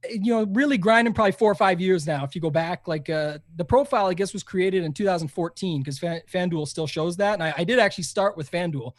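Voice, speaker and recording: Talking fast with few pauses, this young man's high voice carries a Canadian accent as he guests on a relaxed podcast interview. He hosts a fantasy golf podcast himself and comes across as eager and rambling, full of fillers and restarts, in a studio-quality recording without echo.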